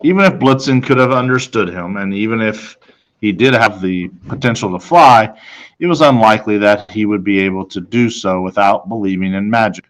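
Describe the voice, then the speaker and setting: Reading from a children's novel, a male teacher and story reader uses deliberate, storytelling phrasing and a dramatic, expressive delivery. His voice sits fairly low, and the recording quality is poor.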